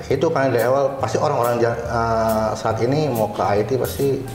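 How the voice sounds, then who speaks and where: A cyber security supervisor with a Jakarta Indonesian accent tells his own story in informal, slangy speech as an interview guest. His mid-range voice is steady and a bit fast, recorded with a roomy echo and faint music behind it.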